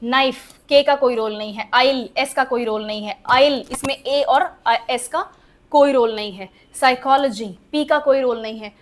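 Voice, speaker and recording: A woman's voice: sits high, measured pace. A woman, teaching spelling rules in a chatty classroom lesson and often checking whether the class follows. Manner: lively, chatty, asks the class questions and laughs at the oddities. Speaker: English teacher.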